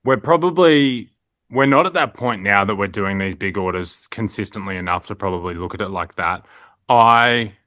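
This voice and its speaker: A young Australian man with a low voice talks in a loose, rambling way, full of fillers and "like"s. His tone is bright and forward. The sound is dry and close. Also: moderate pace, dry recording. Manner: rambling, filler-heavy, frequent "like". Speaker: print shop owner, guest. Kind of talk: casual interview chat.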